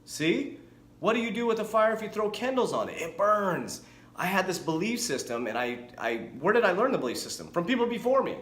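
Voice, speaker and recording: In a reverberant space, a man in his forties who coaches fitness speaks a little fast in a voice that sits high. He's chatty and full of energy in this casual vlog, often restarting his sentences.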